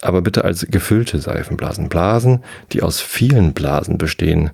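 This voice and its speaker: A man's voice: deep voice, expressive, normal speed, vocal fry, a little mellow, breathy edge, no room sound, full character voice. A man voicing a bitter, sleepless nightmare gnome in a bedtime story reading, lecturing in a condescending way.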